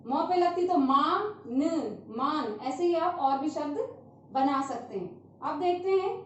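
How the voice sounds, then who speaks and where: A woman teacher giving a primary school lesson on vowel signs, patiently repeating each sound slowly and checking in often. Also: sits high, expressive. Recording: distant, very echoey, dull lo-fi sound.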